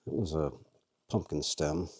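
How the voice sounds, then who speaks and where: A man's voice: extremely low pitch, measured pace, darkish tone, slight background noise. A man hosting a casual how-to video, chatting as he works and talking to his worms. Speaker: vlog host and worm farmer.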